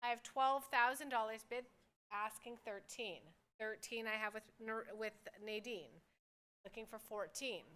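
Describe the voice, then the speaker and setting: A woman's voice: a little high, measured pace, fairly bright tone, clean tone. A woman working as a fine art auctioneer, calling bids at a live sale in a formal, courteous way and repeating the figures.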